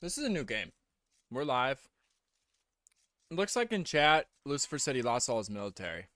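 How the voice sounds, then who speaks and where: A man giving casual live-stream commentary on a strategy game, relaxed and thinking aloud as he goes. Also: mid-range voice, normal speed, no room sound. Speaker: game caster.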